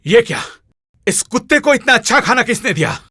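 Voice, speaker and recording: An actor playing a proud, angry younger brother who scolds the servants, in a Hindi film drama. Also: male voice, very high-pitched, big pitch swings, a little fast, sharp tone, slightly rough, no room sound, studio quality, exaggerated voice.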